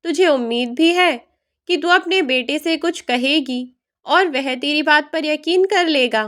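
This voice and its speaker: A woman voicing a rude shouting daughter-in-law. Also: sits high, a little slow. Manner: shouting, insulting.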